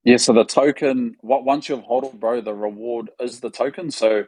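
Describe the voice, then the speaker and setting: A man's voice: medium pitch, steady tone, moderate pace, a little mellow, breathy edge, dry recording, poor audio. A man with a New Zealand accent answering questions casually as a musician host, in a laid-back, matey, slangy way.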